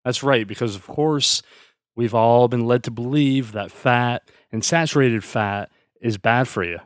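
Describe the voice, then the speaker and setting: A man hosts his own podcast and rants in a sarcastic, worked-up way. His voice sits at an ordinary middle pitch. The recording is dry and close, with no room echo. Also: unhurried, smooth. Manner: fired-up, sarcastic ranting. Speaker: podcast host. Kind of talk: solo podcast rant.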